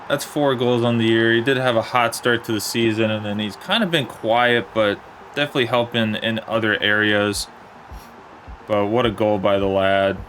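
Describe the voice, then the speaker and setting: A young man giving casual play-by-play commentary on a football video game match, in a plain, steady way that turns let down when his side concedes. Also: medium pitch, slight background noise. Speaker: gaming commentator.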